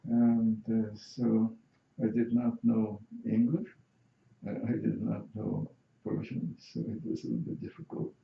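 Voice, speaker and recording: An older man from Azerbaijan with a Russian accent, slowly answering interview questions with many halting fillers. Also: on the low side, flat delivery, creaky. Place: university building. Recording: echoey room, muffled sound, faint hiss.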